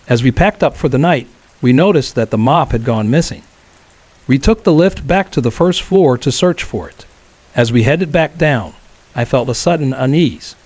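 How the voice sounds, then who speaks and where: A man reads a scripted true horror story in a calm, measured voice. His pitch sits in the middle of the male range. The sound is dry, with no room echo. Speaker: narrator.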